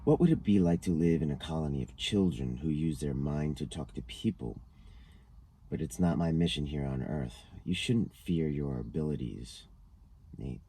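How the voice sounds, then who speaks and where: Reading a written interview transcript aloud, a man takes on every speaker's lines one after another. His voice is extremely low and warm, and the recording carries noticeable background noise.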